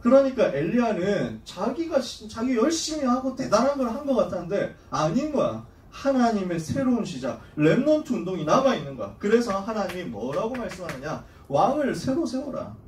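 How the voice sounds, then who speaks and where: Fast, animated man preaching to youth. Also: high voice, slight background noise. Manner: casual and slangy, acting out story scenes. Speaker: youth pastor. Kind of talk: lively youth sermon. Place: church hall. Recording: echoey hall, distant mic, faint ambience.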